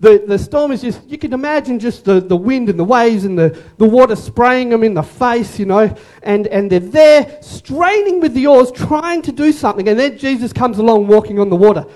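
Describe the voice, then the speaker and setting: Male pastor, unusually high pitch, lively sermon full of jokes and call-and-response. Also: normal speed, few pauses. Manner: animated, joking, repeats words, calls on audience. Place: church service room.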